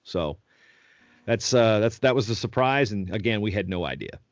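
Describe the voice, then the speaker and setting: A man's voice: on the low side, animated, moderate pace. A middle-aged man from Virginia, chatting in an interview and telling long rambling stories with many restarts. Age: 40s. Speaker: podcast guest. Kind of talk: casual conversational interview. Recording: dull lo-fi audio, dry sound.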